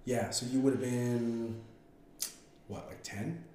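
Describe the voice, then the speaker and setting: A man's voice: medium pitch, steady tone, slow pace, dark tone, slight background noise. A man hosting a casual podcast, nasal and congested from a cold, with an emphatic, slangy, bro-style delivery. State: getting over a cold. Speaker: podcast host. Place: home dining room, indoors. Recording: roomy echoing indoor sound.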